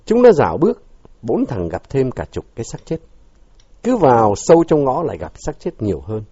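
A man reads a story aloud in an expressive, dramatic way, his pitch rising and falling a great deal. His voice is husky and dark. The recording is dull, dry and lo-fi. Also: moderate pace, no room sound. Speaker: narrator. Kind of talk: audiobook story reading.

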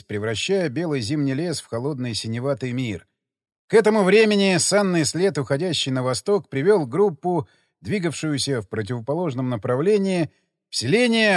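Guy reading an audiobook, very expressive, dry close sound. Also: on the high side, no echo. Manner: expressive, storytelling. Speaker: audiobook narrator. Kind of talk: scripted audiobook narration.

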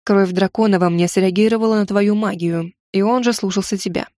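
A woman reader voicing a calm young male dragon knight who talks in an easygoing, mildly mocking way, in an audiobook. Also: medium pitch, fairly quick, dry recording, studio quality, natural voice.

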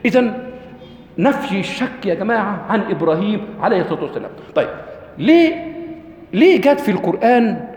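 Egyptian male lecturer, high voice, booming echoey hall, quizzes the room and answers himself. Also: sing-song, a little fast, darkish tone. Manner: asks the group questions and answers them himself. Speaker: lecturer on Quranic rhetoric. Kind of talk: religious lesson to a live group. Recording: echoey hall with long reverb.

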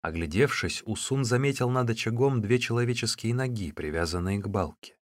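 A man narrating a classic novel as an audiobook in a steady, even reading. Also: on the low side, fairly quick, no echo. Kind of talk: scripted narration.

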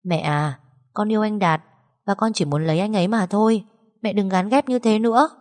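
A woman's voice: medium pitch, fairly quick, darkish tone, natural voice. A tearful, pleading young woman, played by the female narrator in a storybook audio drama. Her voice rings with a long reverb. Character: young woman, distraught girlfriend.

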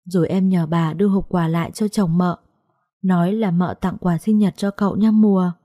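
A woman's voice: lowish voice, fairly even intonation, moderate pace, warm tone, no room sound, clean studio sound, close to an everyday voice. Woman voicing a weeping ghost mother. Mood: grieving, tearful. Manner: choked, sobbing pleas. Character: tearful young mother's ghost, speaking through a medium.

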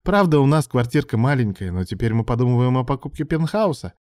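A man's voice: medium pitch, big pitch swings, fast, darkish tone, dry recording, studio quality, voice pushed up, lightly acted. A man voicing a nervous, guilty young male doctor who talks in a strained, anxious way. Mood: brisk.

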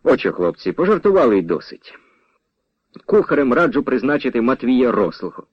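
A man voicing a calm, firm leader of a wagon train who gives steady, businesslike commands, on a dull, dry old radio recording. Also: medium pitch, a little fast, slightly rough, dry recording.

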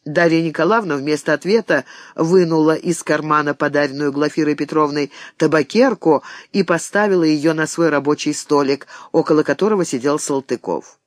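A man narrating an audiobook in an expressive storytelling manner. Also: fairly high pitch, moderate pace, no echo, clean studio sound. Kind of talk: scripted narration.

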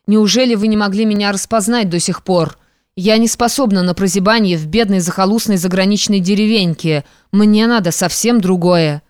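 A woman reading the part of a calm, cold young woman who wants luxury and rejects a suitor. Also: mid-range voice, normal speed, no room sound, studio quality, natural voice. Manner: calm, cool, dismissive. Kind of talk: audiobook reading.

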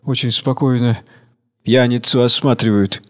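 A man reading the stage directions of a play in a measured, even way. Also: mid-range voice. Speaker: reader.

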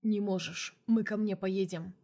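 A woman voicing a gruff, hushed male boss. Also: medium pitch, fairly even intonation, a little slow. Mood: curt commanding. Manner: curt, growling, drops to a hushed whisper. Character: gruff drunk male boss, commanding then tender. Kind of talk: audiobook character voice.

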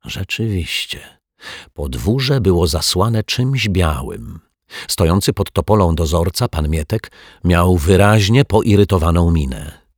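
A man with a low, husky voice reads a children's story aloud, slow and expressive. His pitch swings widely between lines, and the recording is dry and close to the mic. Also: dry recording.

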